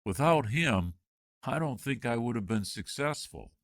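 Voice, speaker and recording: A man reads the candidate's lines in a scripted practice job-interview dialogue, his medium-pitched voice expressive and rising and falling a lot. His delivery is clear and measured. The recording is close and dry, with no room sound.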